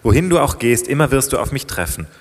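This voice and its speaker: A man's voice: medium pitch, big pitch swings, fast talker, pitched above the performer's own voice. A man reading a defiant mocking young troublemaker. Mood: taunting. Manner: taunting, shouting. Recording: long hall reverb.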